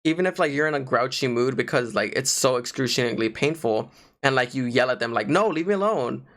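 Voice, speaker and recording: This young podcast co-host speaks fairly quickly in a mid-range voice. His casual chat is lively and rambling, packed with "like" fillers.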